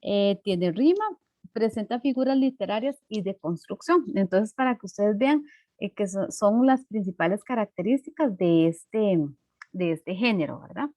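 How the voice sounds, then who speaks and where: A woman teacher giving an online class, explaining slowly with many fillers and tag questions. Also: mid-range voice, expressive, mellow, dry recording.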